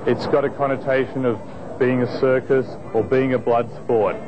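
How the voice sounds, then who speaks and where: A man's voice: medium pitch, steady tone, moderate pace. An Australian man, a promoter, giving earnest answers in a television interview. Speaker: wrestling promoter. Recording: dull TV interview under loud music. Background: loud music.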